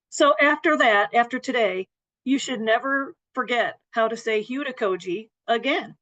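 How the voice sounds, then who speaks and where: A woman nursing educator presenting a webinar lecture in a steady, explanatory way, her voice a bit worn and throat-clearing. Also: on the high side, a little slow, lo-fi sound. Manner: explanatory, steady, apologetic over glitches.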